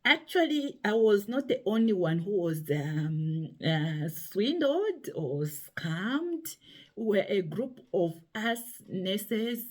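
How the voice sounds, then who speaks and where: Middle-aged zambian-born woman, a bit husky, telling her story casual w lots of ums. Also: mid-range voice, sing-song, slow. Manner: chatty, hesitant with frequent fillers. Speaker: nurse sharing her story.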